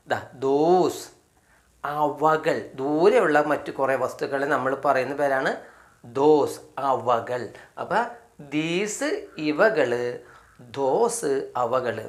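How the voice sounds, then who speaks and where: A teacher with a Malayali accent gives a spoken phonics lesson for beginners, explaining English words step by step. He goes slowly, repeats each item, and poses questions he then answers himself, in a medium-pitched voice.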